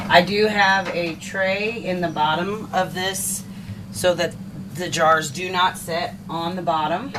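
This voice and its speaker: Low-voiced woman demonstrating home canning. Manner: chatty, thinks aloud while working. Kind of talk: casual step-by-step cooking demonstration. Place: home kitchen. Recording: home video with steady background noise.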